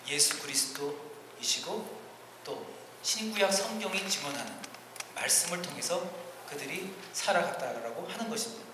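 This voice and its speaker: A fairly high-voiced male pastor delivers a teaching sermon in a large church hall. He is earnest, pushing phrases up with force and then dropping into quiet asides. The recording is very reverberant, with a long hall tail and steady background hiss. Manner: earnest, swinging between emphatic rises and quiet asides. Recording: echoey hall, distant ambient noise.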